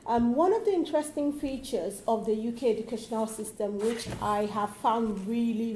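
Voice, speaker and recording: A woman's voice: mid-range voice, mellow. Encouraging woman, echoey room. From Nigeria. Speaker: law lecturer. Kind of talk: panel discussion answers. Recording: echoey room, faint background noise.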